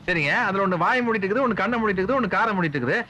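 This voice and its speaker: Cheeky fast-talking comic man. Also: high voice, expressive, sharp tone. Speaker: comic driver. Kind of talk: comedy sketch dialogue.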